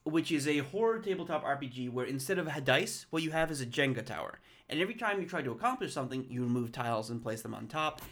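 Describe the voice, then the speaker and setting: A man co-hosting a movie podcast in casual chat, excitable and ranting, swearing freely. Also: mid-range voice, quick pace, hardly any pauses. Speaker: podcast co-host.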